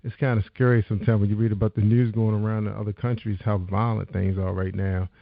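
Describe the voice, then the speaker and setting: A man hosting a radio talk show chats casually with a guest, laid-back and encouraging and saying "you know" a lot. His gravelly voice is on the low side, flat in delivery and fast. The sound is dull, lo-fi and dry.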